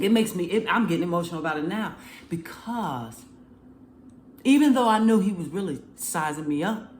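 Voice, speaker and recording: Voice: mid-range voice, reverberant, slight background noise. A faith vlogger giving a casual, earnest spoken testimony, rambling and emotional, recorded at home in an apartment.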